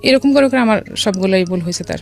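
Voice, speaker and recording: A middle-aged woman with a Bangladeshi accent tells her life story as a guest in a radio interview, speaking conversationally and mixing in some English words. Her mid-range voice is gravelly and quick, with background music playing behind it.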